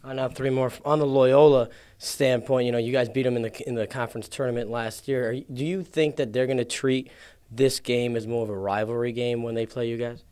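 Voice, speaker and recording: A man's voice: medium pitch, fairly even intonation, a little fast, darkish tone, smooth. A man interviewing a coach, asking casual, conversational questions.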